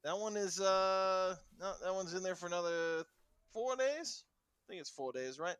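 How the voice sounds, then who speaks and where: A man's voice: sits high, moderate pace, fairly bright tone, clean tone, no echo, clean studio sound, pitched above the performer's own voice. A man doing a callous Jersey guard. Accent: New Jersey. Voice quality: offhand, rambling. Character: second male guard, callous and offhand.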